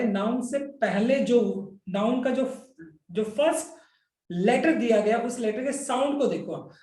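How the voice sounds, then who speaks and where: A man's voice: very high-pitched, a little mellow. Indian man, grammar teacher, lecturing students, asks "right?" often, roomy echo. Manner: addresses students directly, checks understanding with frequent "right?". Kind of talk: explanatory classroom lecture.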